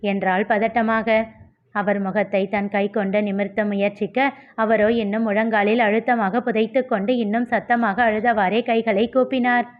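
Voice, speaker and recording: A woman reading a novel aloud as a storyteller, voicing the characters' lines with a raised pitch. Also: level tone, normal speed, dull audio.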